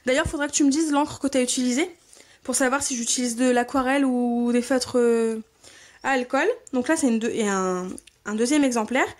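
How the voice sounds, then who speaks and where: A woman with a notably high voice gushes through a casual unboxing chat, repeating her delight over each item. She talks to her viewers like a friend, relaxed and warmly excited. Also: brisk. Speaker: scrapbooking channel host.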